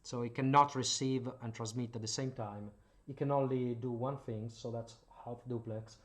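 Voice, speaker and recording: In a casual demo at his home workbench, an Italian-accented hobbyist channel host from Italy explains radio gear. His mid-range voice stays fairly even in intonation at a normal pace, and his explanation is hesitant and packed with filler sounds.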